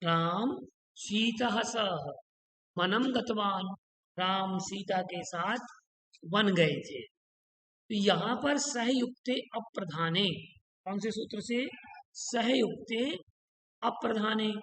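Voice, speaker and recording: Very slow, echoey grammar teacher. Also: medium pitch, a bit bright. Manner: drills rules by repetition and quizzes the listener. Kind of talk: classroom-style grammar lesson. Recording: echoey room with long reverb.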